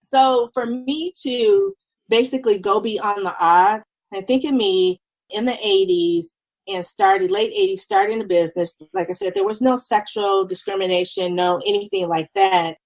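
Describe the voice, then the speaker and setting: A woman in her fifties, a podcast guest, telling her story in a lively, animated way and acting out what people said. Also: mid-range voice, moderate pace, dry recording, rough recording. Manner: lively, animated, acts out quoted dialogue. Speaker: podcast guest, nurse and business owner. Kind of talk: casual conversational storytelling.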